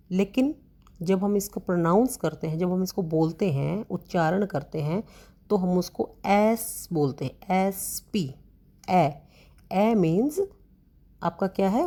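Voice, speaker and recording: Lady teacher, low warm voice, talks real slow, asks the class stuff then answers it herself. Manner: slow, explanatory, asks questions and answers them; addresses students as beta. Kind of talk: classroom grammar lesson.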